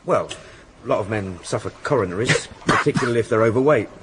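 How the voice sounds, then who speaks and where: An actor playing a dutiful, cheekily deferential police sergeant in a British radio drama, polite and matter-of-fact. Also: male voice, lowish voice, expressive, fast talker, very noisy, lightly acted. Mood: pleased, teasing.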